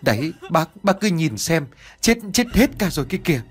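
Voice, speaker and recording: A man's voice: a little high, very animated, moderate pace, soft background music, pitched above the performer's own voice. A man voicing a frantic village woman, sobbing and pleading through her tears in an audio story. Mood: tearful.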